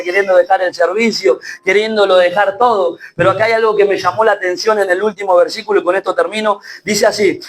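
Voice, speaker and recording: A man pastor with a Rioplatense Spanish accent preaching a sermon, moving from quiet reasoning to shouting. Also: high voice, poor audio. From Argentina. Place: church.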